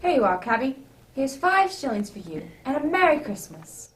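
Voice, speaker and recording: A woman plays a kindly, loyal doctor in a radio drama. The voice sits fairly high and moves up and down a lot, with a courteous, cheery manner. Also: big pitch swings, moderate pace, poor audio. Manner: polite, cheery, exclamatory. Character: kindly, loyal doctor, Watson, eager to please.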